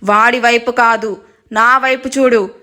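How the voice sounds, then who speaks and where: A man's voice: very high voice, steady tone, a little slow, bright, forceful tone, exaggerated voice. A woman voicing a furious, domineering young husband who roars threats. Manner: roaring, threatening.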